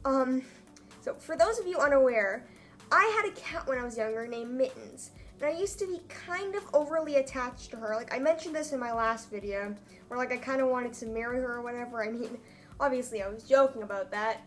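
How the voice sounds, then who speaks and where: Reading aloud from her old writing, this young woman keeps a comedic vlog casual, slipping in wry jabs at herself. Her voice is a little high and brisk, with faint music underneath.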